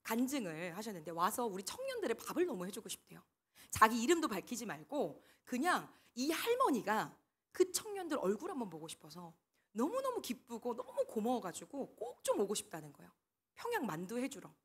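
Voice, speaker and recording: A young woman delivers an emotional sermon with a lively, wide-ranging voice. Her tone is somewhat husky and sits a little high. She slips into the voices of the people in her stories as she acts out their prayers. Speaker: ministry staff preacher.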